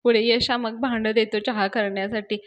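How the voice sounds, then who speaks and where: A woman's voice: on the high side, normal speed, highs cut off. A woman in a casual storytelling recap, chattily retelling a TV serial episode and talking to her listeners. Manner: chatty, animated, addresses listeners. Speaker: TV serial reviewer.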